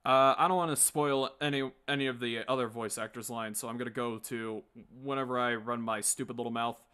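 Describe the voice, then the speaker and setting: This man, a livestream host and comic dubber, chats loosely with his audience, cracking jokes and cursing without restraint. He speaks a little quickly at medium pitch, keeping a steady tone that sounds pushed, bright, clear and resonant.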